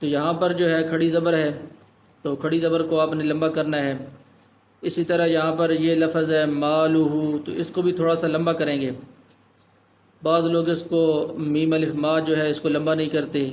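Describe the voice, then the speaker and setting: A man teaching Quran recitation rules, explaining each point plainly and then chanting the verses slowly. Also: on the high side, flat delivery, slight background noise. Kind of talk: tajweed lesson in Urdu with chanted recitation.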